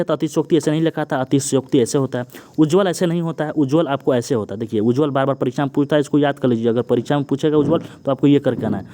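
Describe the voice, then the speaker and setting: A young male tutor races through an exam-prep grammar lesson. His voice is dark and mellow, at a middling pitch. He rattles off examples one after another and keeps checking in with his students. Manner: rapid list-reading with frequent "ठीक ना" checks and "Babu" address. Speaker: exam coaching teacher. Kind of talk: online Hindi grammar lesson.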